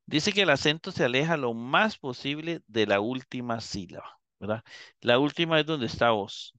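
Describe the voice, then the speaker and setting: A man teaching a live Greek class, explaining slowly and checking in with his students as he goes. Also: mid-range voice, expressive, a bit bright, dry recording. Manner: slow, explanatory, repeats and checks with "¿verdad?".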